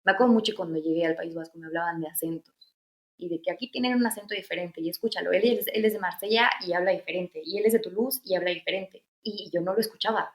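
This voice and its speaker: A Mexican woman in her 30s talks quickly in a low-leaning voice, recounting her experiences casually as an interview guest. Fillers and restarts crop up often, her accent is Mexican Spanish, and the audio has noticeable reverb.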